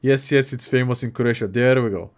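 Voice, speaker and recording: His mid-range voice is fairly quick. The speaker, a young Bulgarian native speaker from Bulgaria, hosts a casual livestream where he jokes around and reacts to viewers' messages he reads aloud.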